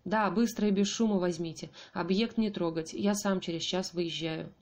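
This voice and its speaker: A woman narrating an audiobook plays an anguished husband whose grief tips into fury. The lines come out strained, with a lowish, unforced tone that stays close to her own reading voice. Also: fairly even intonation, normal speed, a little mellow, lightly acted. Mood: curt. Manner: strained, rising outbursts. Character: anguished young husband, grieving and quick to rage.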